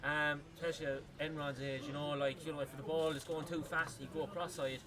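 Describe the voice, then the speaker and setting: Excitable Irish man calling an esports match. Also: a little high, a little fast. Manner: excitable, rises to yelling on big plays, many "like" fillers. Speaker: esports commentator. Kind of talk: live esports commentary. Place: gaming arena venue. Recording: loud crowd behind at a live event.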